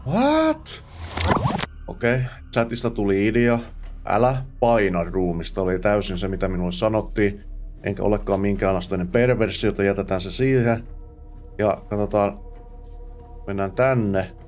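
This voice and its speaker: Man muttering through a let's play, fairly low voice, casual self-talk, faint music behind. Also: steady tone, a little mellow. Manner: chatty self-talk, mutters while playing; drops English exclamations and curses. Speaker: gamer host.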